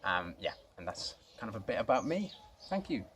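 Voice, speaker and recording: A man's voice: lowish voice, sing-song, brisk, a bit bright, slight background noise. A man from Swansea with a South Welsh accent, introducing himself in a casual, unscripted and somewhat hesitant way. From Swansea, Wales. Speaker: co-founder of a youth mental health organisation, introducing himself.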